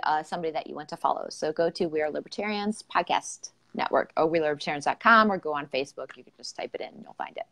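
A woman's voice: medium pitch, a bit bright. A woman hosting a casual live-streamed podcast interview, talking in a chatty, enthusiastic way. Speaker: podcast host.

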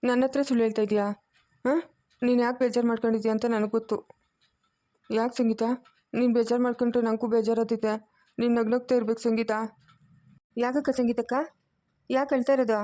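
A woman's voice: on the high side, little pitch movement, fast, pauses often, warm tone, dry recording, lightly acted. A woman with a rural Chikkaballapur Kannada accent voicing a worried family member who coaxes and pleads in a cartoon family drama. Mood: pleading. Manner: pleading, coaxing.

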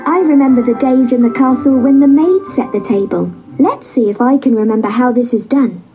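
A woman voicing a sweet, polite young princess in a storybook game, with a bright, gentle, encouraging delivery. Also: a little high, fairly quick, natural voice. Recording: lo-fi recording over music.

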